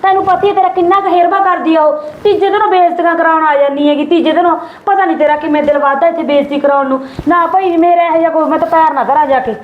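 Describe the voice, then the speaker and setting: A woman's voice: very high-pitched, fairly even intonation, fast talker, few pauses. A woman playing a stingy sister-in-law who nags and taunts. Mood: taunting. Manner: taunting, nagging. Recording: echoey room, dull sound, faint hiss.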